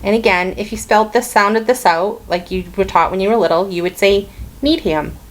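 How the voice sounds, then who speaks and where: Here a woman speaks a little fast, her mid-range voice steady in tone, with a Boston-area accent. She's a stitching vlogger chatting casually, wandering through her thoughts with plenty of ums and false starts.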